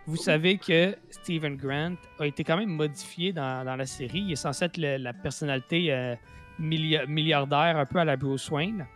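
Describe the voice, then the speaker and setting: A man's voice: fairly high pitch, steady tone, normal speed, fairly bright tone, soft background music. A man with a Québécois accent hosting a casual chat, rambling and repeating his words as he reviews a series. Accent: Quebec French. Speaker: podcast host.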